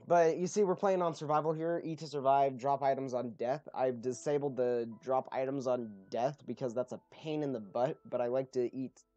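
A man's voice: medium pitch, a little mellow, dull audio. A man hosting a casual gameplay commentary, rambling along and chatting with frequent ums. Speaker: let's play host. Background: faint game music.

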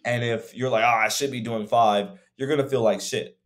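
A young man speaks at medium pitch in a steady tone and a moderate pace. He's a fitness coach co-hosting a laid-back podcast by video call from a room at home, and his talk wanders reflectively with frequent fillers.

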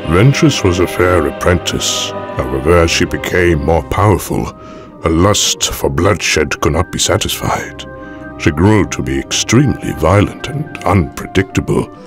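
A man playing an evil elderly aristocratic count, measured, formal and silkily menacing, in a fan audio drama. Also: sits low, lively intonation, over music. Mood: cold, measured. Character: evil elderly aristocratic Sith count, calmly manipulative villain.

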